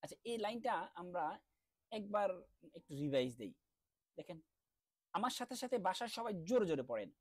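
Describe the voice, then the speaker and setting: A man teaching an online class, explaining letter sounds step by step and drawing each sound out slowly, then asking questions and answering them himself. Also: high voice, very animated, no room sound. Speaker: Quran recitation teacher.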